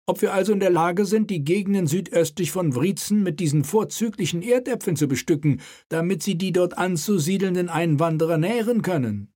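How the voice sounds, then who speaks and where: A male reader voicing an imperious old king who speaks in a sharp, commanding, pompous way. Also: sits high, fairly quick, few pauses, pitched above the performer's own voice.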